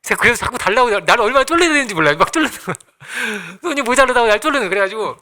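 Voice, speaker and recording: A middle-aged male pastor preaches in a church sanctuary, telling family stories, acting out the quotes and laughing often. His voice is extremely high with lively intonation, and his delivery is rapid-fire and sharp.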